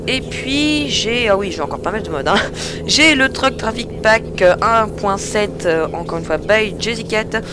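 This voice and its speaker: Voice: medium pitch, background noise. Chatty hesitant gameplay commentator. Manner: chatty, hesitant, lots of filler sounds; grumbles at other drivers. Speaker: truck-simulator gameplay commentator.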